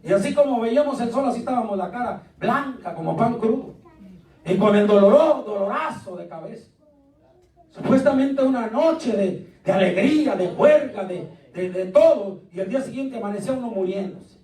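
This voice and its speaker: A man preaching a lively, joking sermon as pastor, calling out questions to his congregation. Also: sits high, normal speed. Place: church sanctuary. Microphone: distant from the mic. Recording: echoey church recorded from a distance.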